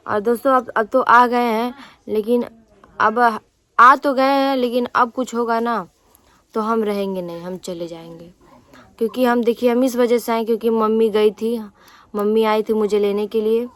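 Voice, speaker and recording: A woman's voice: fairly high pitch, fairly even intonation, moderate pace, fairly bright tone. A young woman vlogger talking casually to her viewers in an aggrieved, rambling way, with many restarts and fillers. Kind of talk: casual vlog talk to viewers.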